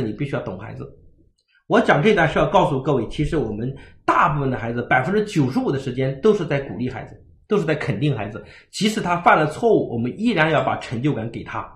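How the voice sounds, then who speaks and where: Man, parenting educator, brisk storytelling talk, echoey room. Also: a little high. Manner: storytelling, animated swings between loud emphasis and soft quiet narration.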